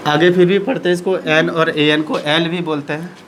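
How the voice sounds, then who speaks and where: A man's voice: on the high side, steady tone, normal speed, background noise. A man teaching a maths lesson in speech, asking questions and answering them himself.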